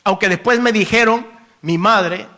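A man's voice: sits high, unhurried, bright, forceful tone. A man preaching a sermon, telling a personal testimony with earnest emotion and rising to fervent exhortation.

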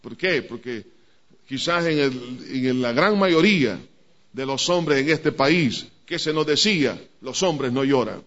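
A man's voice: medium pitch, animated, slow, a bit bright. A man preaching a sermon to a congregation, speaking emphatically and addressing listeners directly. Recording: dull lo-fi church recording.

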